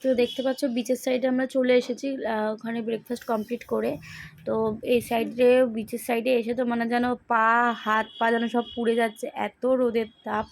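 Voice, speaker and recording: A woman's voice: a little high, level tone, normal speed, gravelly. A woman narrating a casual travel vlog into her phone camera, chatting straight to her viewers. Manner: chatty, addresses viewers directly. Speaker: vlogger. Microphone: phone camera, selfie and back camera.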